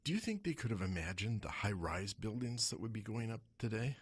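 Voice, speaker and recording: A radio host and investment advisor delivers a brisk talk-radio monologue in a hoarse, husky voice roughened by smoke. He throws out rhetorical questions with animated swings in pitch, and there's no room sound.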